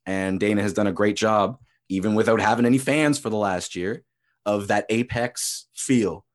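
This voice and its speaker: A man hosting a casual sports podcast who rambles in a relaxed way and swears freely. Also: fairly low pitch, normal speed. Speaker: podcast host.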